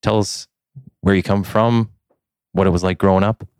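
Deep-voiced podcast host, dry sound. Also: male voice, steady tone, normal speed, a little mellow, clean tone, dry recording. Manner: friendly, easygoing, filler-heavy questions. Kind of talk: conversational podcast interview.

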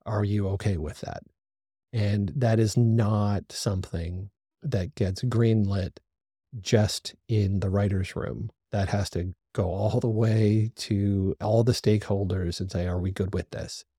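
A man's voice: on the low side, fairly even intonation, slow, warm tone, breathy edge, no room sound, clean studio sound. A man hosting a solo review podcast, talking through his opinions in an analytical, opinionated way. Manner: opinionated, analytical, talks things through aloud. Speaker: podcast host reviewing a TV series.

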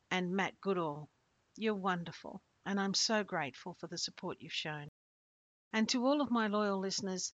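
A woman podcast host narrating a story in a steady, earnest reading voice. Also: lowish voice, no room sound. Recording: dull lo-fi dry recording.

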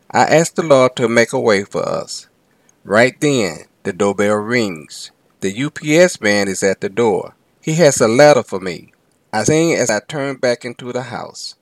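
A man reading as an earnest, struggling young single mother, telling her story slowly in the first person. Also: lowish voice, no room sound.

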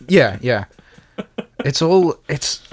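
A man's voice: a little high, sing-song, very slow. A man co-hosting a podcast in casual chat, sweary and rambling with frequent restarts. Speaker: podcast co-host.

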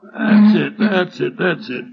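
An actor playing a genial, easily flustered older British doctor who bumbles and repeats himself, in a 1940s radio drama. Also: male voice, sits high, expressive, slow, gravelly, husky, exaggerated voice. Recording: muffled old radio recording.

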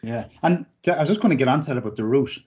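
Man, Irish accent, mid-pitched, interview host, conversational delivery. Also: expressive, very fast, a little mellow.

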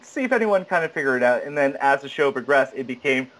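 A man in his thirties, an actor chatting as an interview guest, animated, laughing often and slipping into voices. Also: medium pitch, fast talker, poor audio. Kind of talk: casual interview chat.

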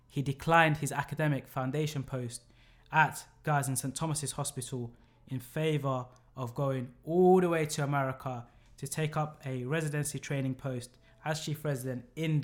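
Man, podcast host, friendly, casual interview chat. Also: mid-range voice.

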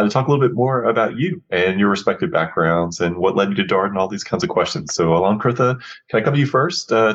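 Male podcast host, fast-talking, lowish voice, repeats words as he starts questions. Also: breathy edge, highs cut off. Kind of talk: interview hosting.

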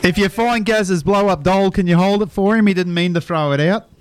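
A man's voice: sits high, brisk, slight background noise. An Australian man co-hosting a radio show with casual, bantering chat. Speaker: radio co-host.

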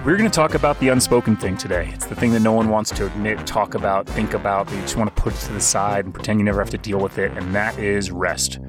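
A man's voice: fairly low pitch, fast, few pauses, over music. A man hosting a casual, chatty podcast, recorded sitting inside a small home closet used as a soundproof booth. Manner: informal, chatty. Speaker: podcast host, company co-founder.

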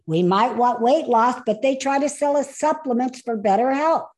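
A woman hosting a podcast on speaking, telling a personal story with animated, emphatic delivery. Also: high-pitched, moderate pace. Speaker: podcast host and speaker coach.

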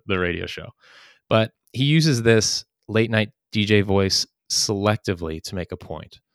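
Guy hosting a podcast, lowish voice, dry close mic, easygoing and earnest. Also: no echo. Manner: relaxed, earnest, demonstrates tones with role-played lines. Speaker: podcast host. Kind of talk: solo podcast talk.

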